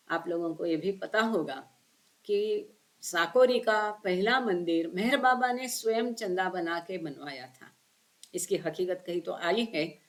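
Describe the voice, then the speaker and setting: A woman reads a spiritual book aloud passage by passage, then explains each part at length and puts questions to her listeners in an online session. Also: lowish voice. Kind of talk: book reading with commentary.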